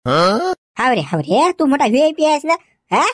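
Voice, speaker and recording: A woman's voice: high-pitched, sing-song, measured pace, no room sound, clean studio sound, heavily acted. A woman with a Varhadi Marathi accent playing a stern police officer who scolds and lectures a prisoner in a village comedy sketch. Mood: scolding.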